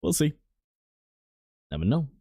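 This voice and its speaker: A man's voice: fairly high pitch, very animated, a little slow, dark tone, husky, dry recording, clean studio sound. A man casually commentating as he plays a role-playing game, thinking aloud about tactics. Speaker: gameplay commentator. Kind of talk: let's play commentary.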